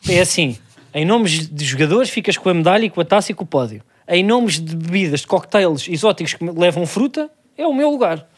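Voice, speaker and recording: A man's voice: high-pitched, expressive, fairly quick, slightly rough. A man with a European Portuguese accent in a casual podcast chat, teasing and arguing in jokes. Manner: teasing, argumentative, jokey.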